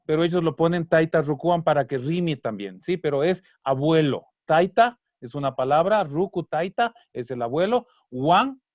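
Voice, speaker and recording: A man teaching an online Kichwa language class, patiently breaking down song lyrics and slowly repeating words. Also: high-pitched, a little mellow, no room sound. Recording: dry, slightly dull online class audio.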